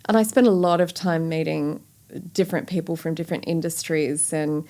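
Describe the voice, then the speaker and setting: Warm, low-pitched and brisk, this middle-aged Australian woman's voice carries a candid, chatty interview about her experience founding a company. She reflects openly, sprinkling in many fillers like "you know" and "like."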